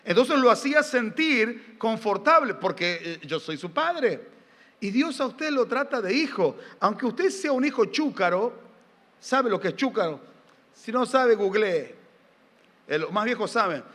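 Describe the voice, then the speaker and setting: Argentine male pastor, middle-aged, high bright voice, emphatic sermon delivery, reverberant church hall. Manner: emphatic, fires rhetorical questions at the congregation; folksy, tells humorous family anecdotes. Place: church sanctuary during a live service.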